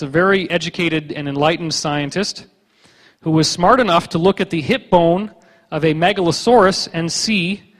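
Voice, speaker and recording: A man giving a joking, animated conference lecture over slides, tossing in quick voiced asides. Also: high-pitched. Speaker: conference speaker. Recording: long hall reverb.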